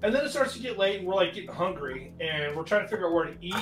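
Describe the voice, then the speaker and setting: A man's voice: high voice, rapid-fire, roomy sound, soft background music. A man co-hosting a casual podcast, telling a rambling travel story full of fillers. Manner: rambling, animated, many fillers. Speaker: podcast co-host.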